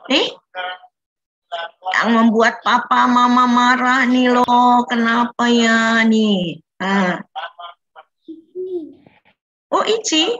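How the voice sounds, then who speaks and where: The recording has its highs cut off, and the woman's voice sits on the high side, sounding pushed and bright. Teaching Sunday school to children over a video call, she leads a Bible lesson and patiently prompts the kids with questions.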